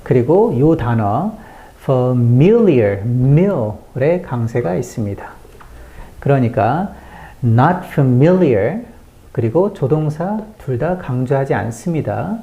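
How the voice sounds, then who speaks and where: Slow, lively-pitched English teacher. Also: creaky, muffled recording. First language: Korean. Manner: patient step-by-step explaining, slowly spelling out example sentences. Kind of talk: online language lesson.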